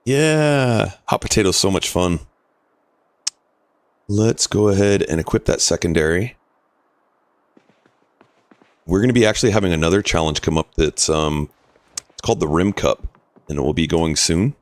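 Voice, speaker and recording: A man's voice: deep voice, moderate pace, no echo. A man casually commentating his game on a live stream, explaining rules and answering chat.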